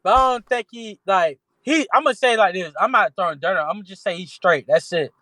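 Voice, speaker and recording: A man's voice: high voice, fast talker, pushed and bright, no echo. A man co-hosting a sports podcast in loose, slangy casual talk, often restarting his sentences. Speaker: podcast co-host.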